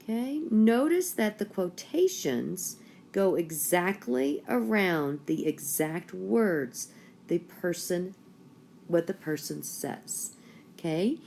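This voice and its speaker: A woman's voice: on the low side, expressive, slow, gravelly, darkish tone, a little hiss or hum. A woman schoolteacher explaining a writing lesson to her class step by step. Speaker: school teacher.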